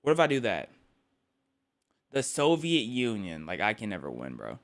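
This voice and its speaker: This tired young streamer chats casually with his viewers late at night, rambling, joking, and frequently restarting or repeating himself. He speaks at normal speed in a fairly low voice that swings hugely in pitch.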